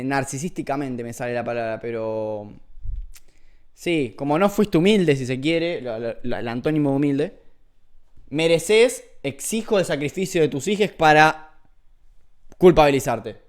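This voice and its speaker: A man's voice: fairly high pitch, clean tone. A man with a Rioplatense Spanish accent, explaining philosophy in a loose, chatty lecture full of fillers and self-corrections. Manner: paraphrases texts in colloquial dialogue. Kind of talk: casual lecture video.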